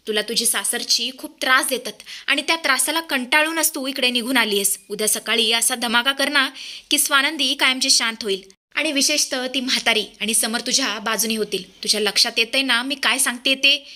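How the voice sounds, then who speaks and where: A woman's voice: high-pitched, fairly quick, sharp tone. A woman voicing a manipulative middle-aged mother who coaxes her daughter in a conspiratorial tone, in a retold serial. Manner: coaxing, conspiratorial.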